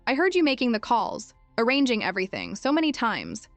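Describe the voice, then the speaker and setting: A woman's voice: a little high, wildly swooping pitch, brisk, no echo, faint music behind. A woman voicing a cold, calculating five-year-old boy who talks with cool, clipped mockery.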